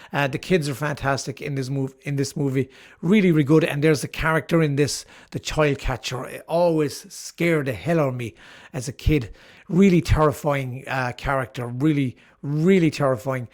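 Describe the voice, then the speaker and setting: A middle-aged man hosting his own channel, talking casually and enthusiastically about favourite films, with frequent fillers and restarts. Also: mid-range voice. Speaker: channel host reviewing films. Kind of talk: casual video commentary.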